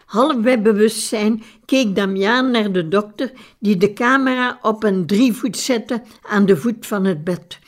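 A woman reading a biographical story aloud in a calm, measured way. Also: mid-range voice. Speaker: narrator. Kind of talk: scripted audiobook narration.

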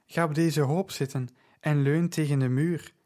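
A man voicing a practical, kind young woman weaver who speaks calmly with concern. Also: a little high, moderate pace, close to an everyday voice.

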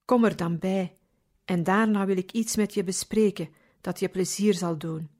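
A woman voicing a gentle, earnest young priest in a storybook reading, asking kind questions. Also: high-pitched, steady tone, normal speed. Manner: gentle questioning, raised when alarmed.

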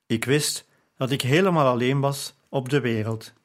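A man reading a novel aloud in measured first-person narration. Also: mid-range voice. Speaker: audiobook narrator.

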